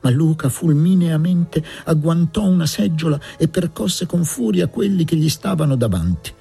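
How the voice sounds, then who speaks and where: Gravelly, husky male audiobook narrator. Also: fairly high pitch, mellow. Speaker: audiobook reader.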